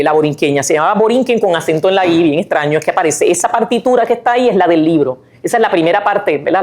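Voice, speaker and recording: A woman's voice: fairly low pitch, darkish tone. A woman author giving a chatty talk, full of fillers and restarts, sometimes humming or singing lines to make a point. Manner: chatty, many fillers and restarts, tag questions; sings and hums lines of a song to illustrate. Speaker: author and guest speaker. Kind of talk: lecture-style talk.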